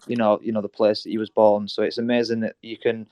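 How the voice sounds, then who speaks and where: A man's voice: lowish voice, little pitch movement, fast talker, mellow, no echo, lo-fi sound. A man from northwest England with a Northern English accent, interviewing in a casual, conversational way.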